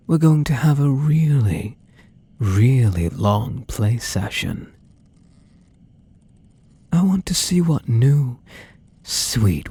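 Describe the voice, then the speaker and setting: A man voicing a possessive young half-spider bully in an intimate ASMR role-play, coaxing and teasing softly, tender yet menacing. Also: mid-range voice, husky, dry recording, exaggerated voice. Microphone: close microphone.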